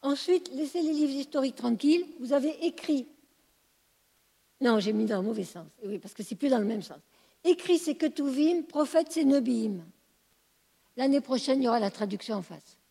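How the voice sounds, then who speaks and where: A woman lectures to a class, explaining step by step and pausing often to check that everyone follows. Her voice sits a little high but sounds mellow and slightly husky. A long reverb trails behind her in a large room. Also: animated. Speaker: teacher.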